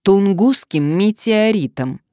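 Brief: a loud, scornful young woman, voiced by the narrator, snapping back in anger. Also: medium pitch, animated, takes it slowly, no echo, studio quality, pitched above the performer's own voice. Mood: furious. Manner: fiery, scornful retorts. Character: furious sharp-tongued young woman. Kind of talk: audiobook character reading.

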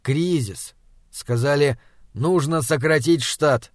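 A man's voice: on the high side, slow pace, no room sound, clean studio sound. A man voicing a weary, defeated young man. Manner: tired, flat, resigned.

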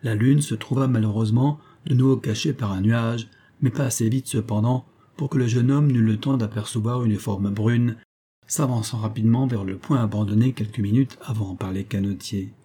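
A man narrating an audiobook with a husky, mellow voice. He keeps his reading steady and even from sentence to sentence. His low-middle pitch stays relaxed and warm. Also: moderate pace. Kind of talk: scripted narration.

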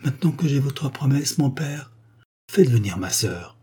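A man's voice: mid-range voice, expressive, unhurried, dark tone, breathy edge, pitched above the performer's own voice. A man voicing a frail, serene young girl on her deathbed, speaking in a faint, weakened voice that sometimes drops to a whisper, as in a read-aloud novel.

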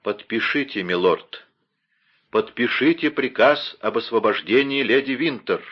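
A man's voice: mid-range voice, expressive, measured pace, husky, lo-fi sound. A man reading an audiobook voices a zealous young officer who solemnly accuses and threatens a duke. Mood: stern, accusing. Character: fanatical young male officer, stern and zealous.

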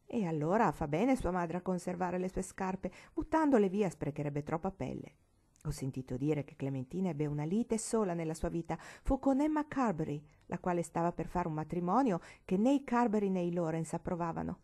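A woman's voice: fairly low pitch, lively intonation, a little fast, warm tone. A blunt, good-humored uncle teases in an amused tone, read by a woman. He is a storybook man who enjoys a scandal. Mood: amused teasing. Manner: amused and teasing. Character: jovial, blunt middle-aged uncle.

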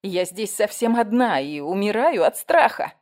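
A woman's voice: mid-range voice, big pitch swings, unhurried, a little mellow, pitched above the performer's own voice. Whiny panicked woman, as a reader puts her on. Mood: scared. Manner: whining, anxious, breathless. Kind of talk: audiobook reading.

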